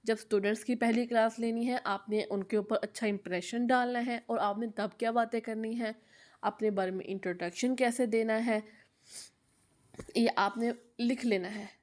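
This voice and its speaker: A woman's voice: fairly high pitch, steady tone, moderate pace, a little mellow. A young woman giving a casual, chatty how-to talk about teaching online, with frequent fillers and repeated phrases.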